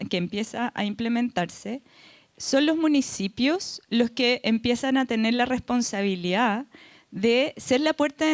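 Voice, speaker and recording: A woman's voice: fairly high pitch, dry recording. A woman speaking on a panel for a foundation, earnest and explanatory, often checking in with the audience. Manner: earnest, tag questions like "¿ya?". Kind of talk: panel talk.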